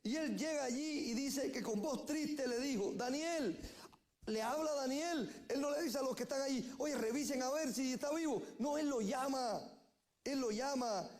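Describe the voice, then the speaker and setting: A man's voice: extremely high pitch, normal speed, darkish tone. A male pastor preaching a sermon, telling the story with repeated key phrases. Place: church.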